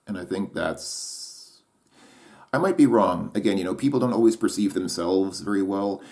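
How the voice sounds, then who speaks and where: Speaking alone, a deep-voiced man thinks out loud, hesitating, restarting sentences and second-guessing himself. His pace is moderate and his tone darkish.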